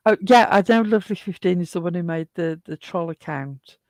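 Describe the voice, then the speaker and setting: A woman's voice: on the low side, moderate pace, a little mellow, no echo. A woman co-hosting a livestream, chatting casually and reading out comments from the live chat. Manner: rambling, chatty, laughs often. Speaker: livestream co-host.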